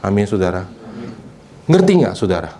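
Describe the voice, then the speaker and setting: Animated male pastor preaching to a congregation. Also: deep voice, normal speed, background noise. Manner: mixes English phrases into preaching, calls out to the congregation; animated, acts out scenes like shouting for a medic. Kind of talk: sermon. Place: church hall. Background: congregation responding.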